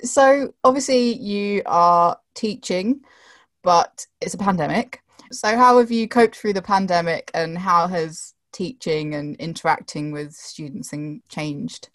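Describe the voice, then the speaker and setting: A woman with a low voice hosts an interview and asks questions casually. The sound is dry and close, with no room echo. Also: unhurried. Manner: chatty, laughs easily.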